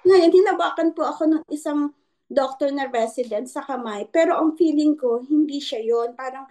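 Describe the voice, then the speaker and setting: A woman in her fifties, a nurse, telling an emotional personal testimony with vivid storytelling and many pauses. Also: high voice, warm tone. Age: 50s. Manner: vivid storytelling, acting out dialogue with frequent pauses. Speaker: guest sharing a testimony.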